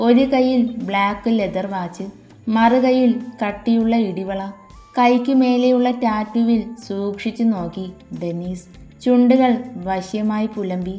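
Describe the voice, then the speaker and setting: Woman narrator, audiobook novel reading, fairly high mellow voice, roomy echo, faint background music. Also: fairly even intonation, a little slow. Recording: echoey room, faint music.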